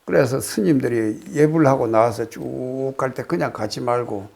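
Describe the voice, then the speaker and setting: An older man from Korea, a Buddhist monk, giving a casual spoken lecture on a classical text, reciting phrases and then explaining them with many pauses. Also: medium pitch, creaky, a little mellow. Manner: explains slowly, reciting phrases then paraphrasing, with frequent hesitations.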